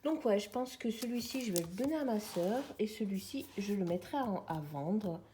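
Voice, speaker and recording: Woman, 40s, mellow casual vlog chat at home, tripod camera mic. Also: medium pitch, animated, moderate pace, a little hiss or hum. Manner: chatty, friendly, addresses viewers as friends. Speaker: vlogger. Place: at home, sitting on the floor. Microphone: camera on a tripod, mic on the far side.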